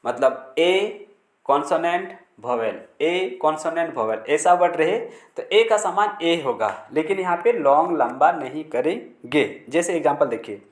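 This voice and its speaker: A man's voice: a little high, animated, measured pace. Man teaching pronunciation in an echoey room. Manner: spells words letter by letter, repeats key rules; frequent checking fillers. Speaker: English teacher. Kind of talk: Hindi-language pronunciation lesson.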